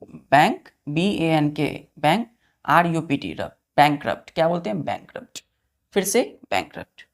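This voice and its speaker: A woman teaches vocabulary to exam students, spelling words out letter by letter and asking quiz-style questions. Her voice is low, sing-song and unhurried.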